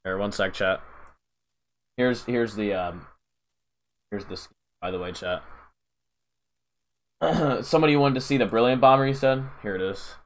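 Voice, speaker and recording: A man's voice: on the low side, unhurried, pauses often, slight background noise. A young man casually live-streaming a game, rambling to his chat with lots of fillers, calling out viewers' names and saying "bro".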